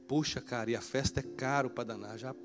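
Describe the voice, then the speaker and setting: A man voicing a worried young male churchgoer who is engaged to marry, speaking in a quieter, pleading tone. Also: medium pitch, fairly even intonation, brisk, over music, voice pushed down, natural voice.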